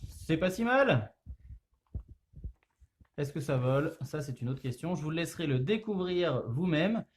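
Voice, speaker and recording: A young French man, a youth center activity leader, giving a relaxed, chatty paper-plane tutorial with frequent hesitations. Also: a little high, unhurried. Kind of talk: casual tutorial demonstration.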